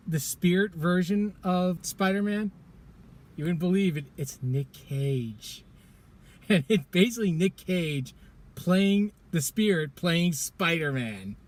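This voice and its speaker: A man giving a casual film review in a parking garage, chatting loosely, laughing often and stumbling over his words. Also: a little high. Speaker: movie reviewer.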